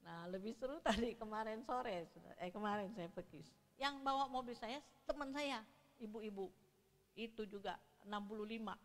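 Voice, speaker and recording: A woman's voice: fairly high pitch, moderate pace. A woman in her sixties preaching a sermon in church, telling stories and asking the congregation questions. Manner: storytelling, asks the congregation questions, acts out quotes. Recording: reverberant hall.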